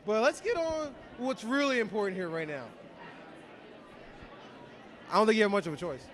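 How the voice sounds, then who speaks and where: Excitable, high-voiced male co-host. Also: normal speed, some chatter behind. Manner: excitable, laughs often, stumbling restarts. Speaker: co-host, interviewer. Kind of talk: casual interview chat. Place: outdoors at a fan convention.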